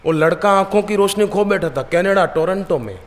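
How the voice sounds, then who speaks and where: A man's voice: sits high, normal speed. A male spiritual preacher giving a devotional sermon, telling stories and acting out the people in his anecdotes. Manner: lively storyteller who acts out the people in his anecdotes. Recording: long reverb of a large hall.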